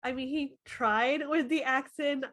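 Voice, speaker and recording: A woman's voice: high-pitched, fairly even intonation, measured pace, fairly bright tone. A woman co-hosting a casual film review podcast, laughing often and thinking aloud with fillers. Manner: laughs often, talks through thoughts with fillers.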